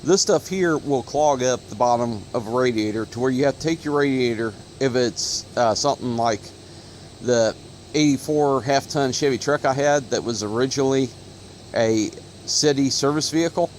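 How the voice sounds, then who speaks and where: Speaking at a moderate pace in a medium pitch, this Ohio auto parts video host talks loosely to his phone outdoors under the sun, correcting himself and filling gaps as he rambles. There's a faint hiss or hum on the phone audio.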